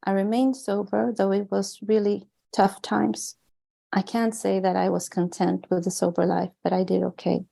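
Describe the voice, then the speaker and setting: Gravelly Swedish-accented woman reading aloud. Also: mid-range voice, level tone, dark tone, low-quality recording. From Sweden. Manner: earnest, measured, with small restarts. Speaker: author and guest. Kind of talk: reading aloud from her book.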